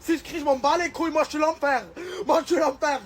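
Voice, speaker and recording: A man playing a boastful, domineering man who claims to be hell itself and bosses people around loudly. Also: very high voice, level tone, fast, voice pushed up. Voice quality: loud, domineering, bossy.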